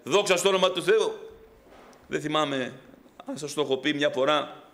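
Male pastor, middle-aged, high and sharp-toned, passionate sermon delivery with soft asides. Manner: fervent preaching, rising loud then dropping to soft storytelling. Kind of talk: Pentecostal sermon.

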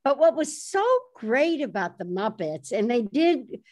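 A woman author being interviewed, telling behind-the-scenes stories in a lively, animated way and laughing easily. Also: a little high, unhurried. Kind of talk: anecdotal storytelling in conversation.

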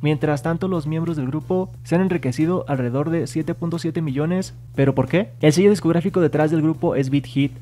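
A man narrating scripted entertainment news in a mellow, warm tone that sits a little high in pitch. His delivery is even and read aloud, like a voice-over script. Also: brisk, few pauses, soft background music. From Spanish-speaking.

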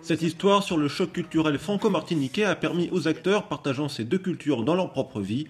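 Higher-voiced male narrator, promotional voice-over. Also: fairly quick, a little mellow. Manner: smooth, promotional read.

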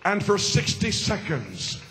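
A man preaching an open-air revival sermon through a loudspeaker, slow, plain and repetitive, rising into fervent shouted calls to pray. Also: high voice, wildly swooping pitch, soft background music. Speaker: visiting bishop and evangelist. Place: outdoor park rally through a PA. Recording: echoey open-air PA with crowd noise.

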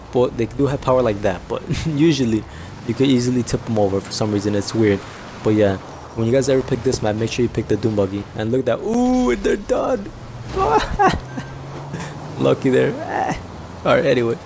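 A young man giving casual, rambling commentary over a video game, chatting to viewers and breaking into excited yelps and laughs. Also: medium pitch, noisy background. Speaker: gaming YouTuber.

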